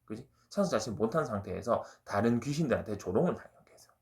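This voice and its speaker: A man teaches a casual exam-prep literature lesson, talking fast in a lowish voice. His tone is gravelly. He keeps checking in with his listeners and slips into slang as he goes. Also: animated. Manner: chatty, keeps asking "right?" and drops into slang. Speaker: Korean literature lecturer.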